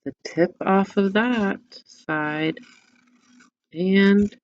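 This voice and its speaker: A woman teacher giving gentle step-by-step craft instructions and reading a story to children. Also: medium pitch, very slow, lo-fi sound, slight background noise. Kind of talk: craft lesson and story read-aloud for children.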